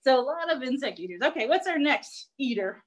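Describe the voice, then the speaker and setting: A woman's voice: sits high, animated, fairly quick, low-quality recording. A young woman zoo educator giving a live online lesson, chatty and playful, laughing often.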